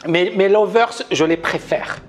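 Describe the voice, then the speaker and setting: Animated man analyzing stocks live. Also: high-pitched, measured pace, breathy edge, soft background music. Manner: talks to viewers, asks many questions; animated, emphatic. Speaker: trading educator. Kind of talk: live-stream market analysis.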